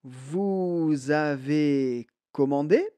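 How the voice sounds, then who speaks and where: A man teaching a beginner French lesson, saying each example sentence and then repeating it slowly for learners to echo. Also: on the high side, warm tone, clear, resonant tone. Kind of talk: slow language lesson with repetition drills.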